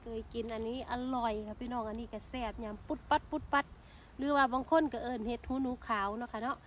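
A woman's voice: a little high, steady tone, quick pace, fairly bright tone, a little hiss or hum. A woman with an Isan accent, chatting casually to viewers as she forages for mushrooms outdoors, full of exclamations. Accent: Isan (Northeastern Thai). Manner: chatty, calls viewers "brothers and sisters", frequent exclamations. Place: outdoors in the countryside.

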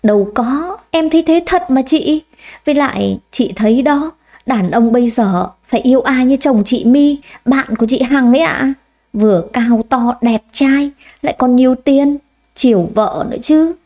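A woman's voice: high voice, normal speed. Woman doing a chatty gossiping shopgirl. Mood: gossipy. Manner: chatty, tattling, excitable. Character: young gossipy female shop employee.

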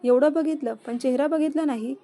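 A woman's voice: high-pitched, brisk, mellow, lightly acted. A woman reading as a cheerful young wife. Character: young newly married woman, cheerful friend.

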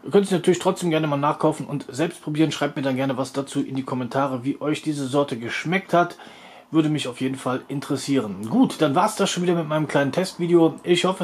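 A man's voice: fairly high pitch, a little hiss or hum. A man hosting a food review video, talking casually as he narrates a taste test.

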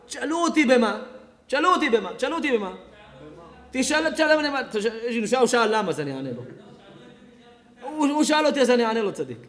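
A rabbi giving a Torah lecture, acting out characters in dialogue and laughing often. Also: male voice, very high voice. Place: community evening lecture.

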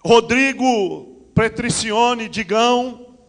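Middle-aged Brazilian pastor in a reverberant hall. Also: male voice, very high-pitched, very slow. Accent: Brazilian Portuguese. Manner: animated preaching with frequent amens and hallelujahs, paces the stage. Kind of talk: church announcements and sermon. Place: large church hall with curtains and stage. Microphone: handheld microphone.

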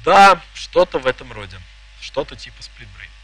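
A man in his thirties presents a live technical talk in a conference hall with a projector screen, joking and putting questions to the audience. His mid-range voice is sing-song, a bit bright and husky, at a moderate pace.

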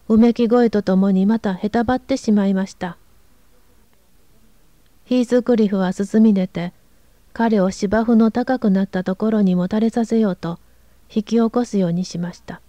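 A woman narrator reading a translated novel aloud in a calm, even storytelling manner. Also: medium pitch, dry recording, highs cut off.

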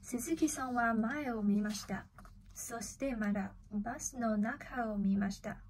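Slow, careful woman telling a story. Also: fairly high pitch, darkish tone, a little hiss or hum. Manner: slow and careful, with repeats and self-corrections. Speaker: language student telling a story. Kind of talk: storytelling speaking task.

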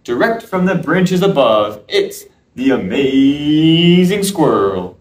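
A man voicing a showy young male squirrel magician, calling out in a drawn-out, booming showman delivery. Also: very animated. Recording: roomy sound from a distance.

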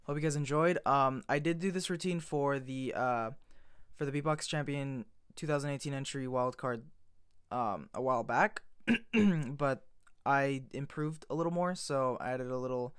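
A man's voice: medium pitch, moderate pace, clean tone, dry recording, studio quality. A man, a beatboxer, introducing and signing off his own video in an informal, easygoing way. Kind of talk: casual video intro and outro.

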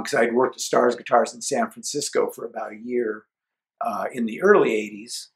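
Middle-aged man from seattle, gravelly voice, casual storytelling, acts out quotes. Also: mid-range voice, low-quality recording. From Seattle, USA. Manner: relaxed storyteller, acts out his own and others' quoted lines. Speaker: amp builder telling his story.

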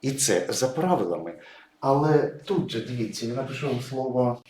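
A man's voice: medium pitch, expressive, moderate pace, a little mellow, echoey room, slight background noise. A man teaching English pronunciation patiently, writing words and stressing each example. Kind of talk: explaining pronunciation at a whiteboard.

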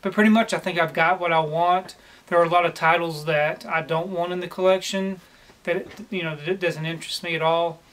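A man in his forties, seated at home, casually presenting his collection haul with a relaxed, plain manner and frequent pauses. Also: on the high side. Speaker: collector vlogger. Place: home room lined with disc shelves, indoors.

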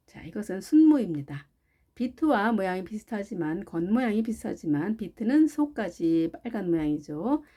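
A woman whose first language is Korean, teaching English vocabulary and repeating each word slowly and carefully. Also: medium pitch, big pitch swings, mellow. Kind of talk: vocabulary lesson.

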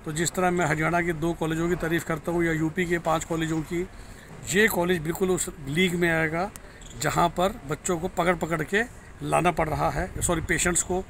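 A man's voice: fairly high pitch, level tone, moderate pace, gravelly, fairly bright tone, slight background noise. A middle-aged man, a career counselor, talking bluntly to a phone camera outdoors in a parking lot. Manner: blunt, frank and warning. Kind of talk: direct-to-camera review vlog. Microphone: handheld phone camera at arm's length.

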